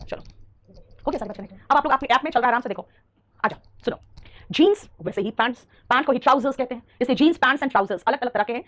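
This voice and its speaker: A woman teaching a live online English grammar class, who calls her students "beta" and keeps asking whether they have understood. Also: a little high. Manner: addresses students as "beta", repeats questions to check understanding.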